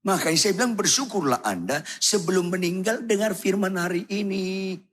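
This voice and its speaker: Blunt slangy pastor guy, kinda high and husky, shouts then goes low. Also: animated, normal speed. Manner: blunt, provocative, shouts and drops low for effect. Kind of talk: sermon.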